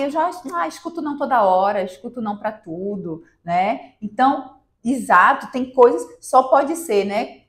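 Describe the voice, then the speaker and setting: A woman giving parenting advice to mothers in a lively, conversational live talk, sometimes acting out how children whine. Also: on the high side, roomy sound. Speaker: parenting coach.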